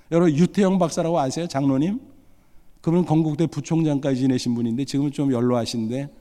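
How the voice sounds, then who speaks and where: A middle-aged man preaching a sermon, telling a family story with lively, acted-out lines. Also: a little high. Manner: animated storytelling, acting out his own lines. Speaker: pastor. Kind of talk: sermon with personal anecdote. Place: church sanctuary. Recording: reverberant hall.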